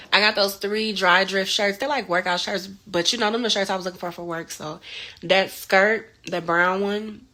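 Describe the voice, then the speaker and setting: A woman's voice: mid-range voice, a bit bright. A woman vlogger, chatting casually and ranting heatedly with cursing. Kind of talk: casual chat.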